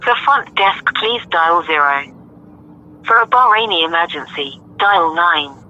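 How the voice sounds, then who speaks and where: Bright, crisp automated phone greeting. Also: medium pitch, lively intonation, unhurried, muffled recording. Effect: recorded automated phone greeting. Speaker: phone menu and voicemail greeting. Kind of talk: formal recorded announcement.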